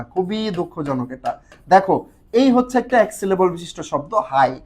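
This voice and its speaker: A man's voice: high-pitched, a little mellow. A young man with a Bangladeshi accent teaching an exam prep class on a live stream. He explains step by step and keeps urging viewers to comment. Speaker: online admission test tutor.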